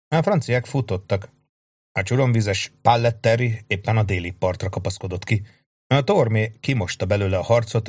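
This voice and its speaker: A man reading a novel aloud as an audiobook narrator, with steady, dramatic storytelling. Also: fairly low pitch, dry recording. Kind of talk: scripted narration.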